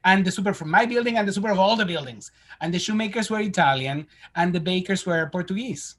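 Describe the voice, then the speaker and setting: A man's voice: high voice, fast talker. A man in his fifties, born in Spain, telling stories in a casual interview over a video call from a home study. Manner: animated storytelling, gesturing widely. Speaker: guest.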